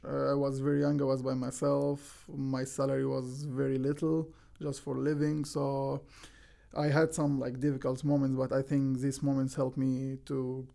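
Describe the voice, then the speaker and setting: Egyptian-accented young pro athlete, flat, gravelly delivery, earnest and simple interview answers. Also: male voice, medium pitch. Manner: plain, earnest, simple non-native phrasing with restarts. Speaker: guest, professional soccer defender.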